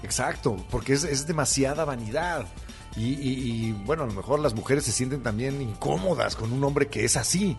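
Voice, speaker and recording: A man's voice: medium pitch, moderate pace, faint music behind. Wry Mexican man co-hosting. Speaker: co-host. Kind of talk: casual comedic chat.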